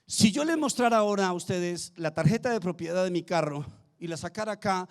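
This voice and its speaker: A man preaching a sermon to his congregation, often calling for an amen and swinging between loud and soft. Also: high voice, expressive, brisk. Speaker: pastor.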